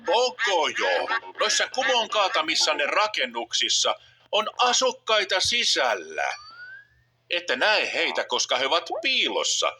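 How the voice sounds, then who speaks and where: A man's voice: fairly high pitch, wildly swooping pitch, slight background noise, heavily acted. A man narrating a dubbed children's cartoon in a playful, coaxing way, talking to the characters and to the young viewers. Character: cheerful friendly adult male cartoon narrator. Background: loud cartoon music.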